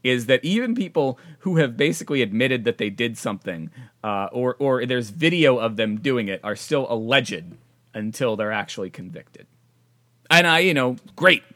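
A man co-hosting a podcast in loose, joking chat. He riffs, repeats words for comic effect and talks at a middle pitch. His voice sounds close and dry, with no room echo. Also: lively intonation, normal speed, fairly bright tone. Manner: playful, repeats words for laughs. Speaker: podcast co-host. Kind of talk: casual chat.

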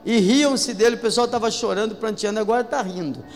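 Brief: Brazilian male pastor, high voice, emphatic sermon delivery, faint music behind. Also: brisk. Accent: Brazilian Portuguese. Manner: emphatic preaching, calls out to the congregation. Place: church hall. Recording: echoey hall with faint music.

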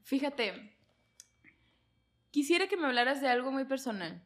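Casting: woman, twenties, chatty interview host, slightly high voice, laughs a lot. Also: a little slow. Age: 20s. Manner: laughs often, animated storytelling. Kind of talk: casual interview chat.

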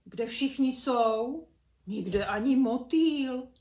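A curious little boy bumblebee chatters away in a high, bright voice, as a woman acts him out. He sounds cheerful and inquisitive. The room around him is echoey.

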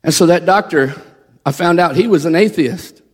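A man's voice: a little high, moderate pace, breathy edge. A man preaching a sermon as a missionary, telling his story and acting out the people he quotes. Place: church sanctuary. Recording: echoey church hall.

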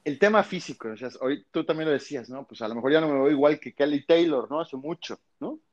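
A man's voice: on the high side, fast, darkish tone. A man, hosting a casual conversation and telling stories with quoted dialogue and frequent tag questions. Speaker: host. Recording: dull lo-fi recording.

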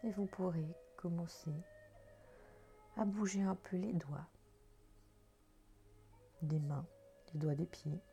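A woman with a low, very dark and mellow voice guides a meditation, speaking softly and often close to a whisper. She takes her time over each phrase. Gentle music plays faintly behind her. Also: fairly even intonation. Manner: soft, slow, half-whispered delivery. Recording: soft background music.

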